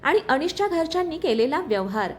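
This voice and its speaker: A woman voicing a calm, determined young ex-lover who speaks in a quiet, firm way. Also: sits high, fairly quick, slight background noise.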